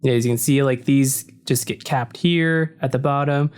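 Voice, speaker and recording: With a smooth, deep voice at a moderate pace, a tutorial narrator talks through audio editing in an easygoing, conversational way, frequently saying "so" and "uh". This casual screen-recording walkthrough is made at his desk in an untreated home room, with the desk mic facing the computer screen.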